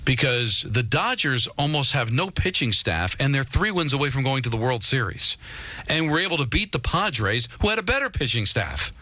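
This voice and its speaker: A man's voice: medium pitch, sing-song, normal speed, sharp tone, dry recording. A man co-hosting a sports talk radio show, arguing emphatically with repeated starts and rhetorical questions.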